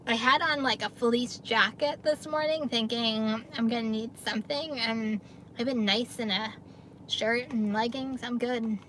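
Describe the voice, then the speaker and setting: A woman's voice: a little high, fairly even intonation, a little slow, fairly bright tone, a little hiss or hum. A middle-aged woman from the New York area hosting a casual livestream from her parked car, chatting upbeat with viewers and laughing often. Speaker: livestream host, gig delivery driver. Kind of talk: casual livestream chat reading viewer comments.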